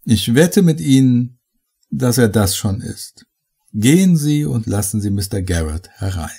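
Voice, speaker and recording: A man voicing a sly, scheming host in a horror audiobook, his voice raised and excited. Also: medium pitch, a little slow, creaky, husky, heavily acted. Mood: commanding. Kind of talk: audiobook character voice.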